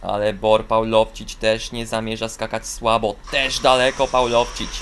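A man giving sports commentary on a ski jumping video game, jumping into high excited shouts on big jumps and slipping into fillers and restarts. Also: measured pace, a little hiss or hum.

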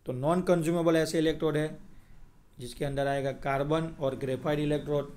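A man's voice: on the high side, mellow. A man with a Gujarati accent lecturing over slides, explaining steadily and often checking whether students follow. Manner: explains in Hindi mixed with English terms, checks "clear?". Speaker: teacher. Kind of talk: screen-recorded lecture.

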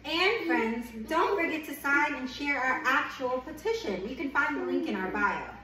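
In a high, animated, pushed and bright voice at normal speed, a woman reads a picture book aloud and chats with young children, enthusiastic and encouraging as she repeats words for them. A faraway mic captures her in a noisy room full of echo.

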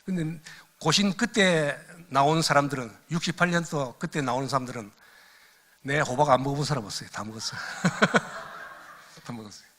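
An older missionary gives a lecture full of personal stories, telling them with animation and laughing at them along the way. His voice is a little high and his pace moderate.

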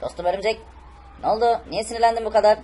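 A man's voice: high voice, steady tone, rapid-fire, dark tone, a little hiss or hum, pitched above the performer's own voice, close to an everyday voice. A man voicing a friendly male race car who pleads with a worried, soothing tone. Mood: pleading.

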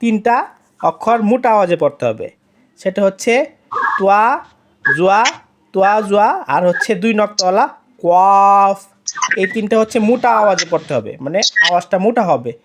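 A woman's voice: medium pitch, expressive, brisk. Woman teaching Quran letter sounds, noisy line. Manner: patient, demonstrates letter sounds by repeating them. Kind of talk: online Quran recitation lesson.

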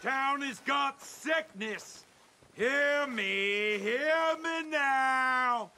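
Town crier, male, middle-aged, western game: urgent, drawn-out public cries, very high and piercingly bright. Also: a little hiss or hum, heavily acted. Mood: urgent pleading. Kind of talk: town crier shouting public warnings, video game acting.

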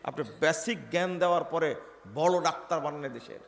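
A Bangladeshi Bengali preacher, a man with a fairly high voice, delivers an emphatic sermon to a gathered crowd. He jumps from loud, pressing declarations to low mutters and keeps firing questions at his listeners. His voice carries a long reverb from the loudspeakers. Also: moderate pace, vocal fry. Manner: questions the crowd and calls for responses. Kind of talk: fiery religious sermon. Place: religious gathering, addressed over loudspeakers.

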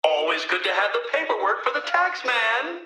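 An actor playing a smug, condescending criminal mastermind in a video game, pompous and taunting, with theatrical delivery and an echoing broadcast effect. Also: male voice, extremely high pitch, very animated, moderate pace, distant mic, over a noisy crowd. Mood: amused, scornful.

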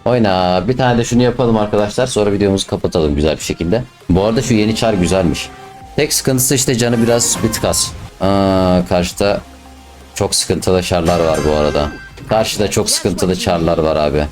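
A young man with a fairly low voice commentates his own gameplay, getting worked up and cursing at teammates. Game music plays clearly behind him. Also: normal speed. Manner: excitable, swears and snaps at teammates. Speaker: gaming YouTuber.

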